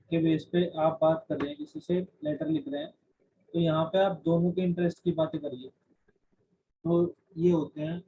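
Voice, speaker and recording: A man's voice: fairly high pitch, dark tone, husky. A man teaching a class, explaining in Hindi mixed with English terms and often restarting his sentences. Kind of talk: classroom lecture. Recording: dull lo-fi recording.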